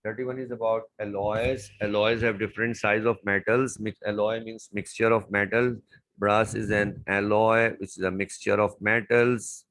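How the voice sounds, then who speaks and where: A man's voice: fairly low pitch, little pitch movement, moderate pace, a bit bright, no echo, low-quality recording. A man tutoring chemistry, walking through exam questions step by step and repeating key words. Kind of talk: exam paper walkthrough lesson.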